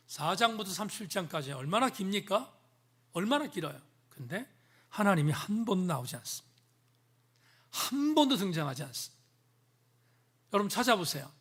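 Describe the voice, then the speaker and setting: A male pastor preaching in a church, with a high, bright, sharp voice. He speaks directly to the congregation and keeps asking them rhetorical questions. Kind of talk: sermon.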